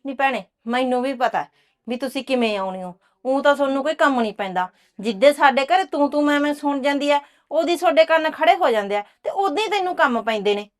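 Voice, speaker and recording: A woman playing a sharp-tongued scolding housewife. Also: high voice, animated, fast talker. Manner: scolding, cursing. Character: sharp-tongued village housewife, angry and proud. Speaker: actress. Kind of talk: village drama dialogue.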